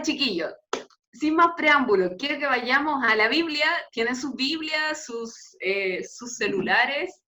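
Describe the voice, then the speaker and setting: Her voice is a little high with a sharp tone: a woman in her thirties, Chilean Spanish accented, pastoring a youth meeting. She chats casually through an informal Bible talk over a video call whose audio sounds dull and lo-fi.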